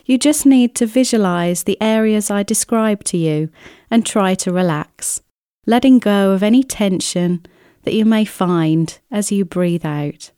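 A woman reading a scripted guided relaxation as a therapist, in a soothing, gentle way with long, unhurried pauses. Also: medium pitch, smooth, no room sound, clean studio sound. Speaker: relaxation therapist guiding an exercise. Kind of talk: scripted guided relaxation, body scan meditation.

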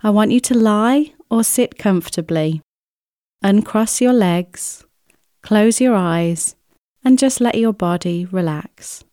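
A woman guides a relaxation exercise in a mellow, smooth voice. She moves very slowly through each scripted instruction, gentle and soothing, leaving unhurried pauses. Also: medium pitch, dry recording, studio quality. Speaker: relaxation therapist guiding an exercise. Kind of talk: scripted guided relaxation, body scan meditation.

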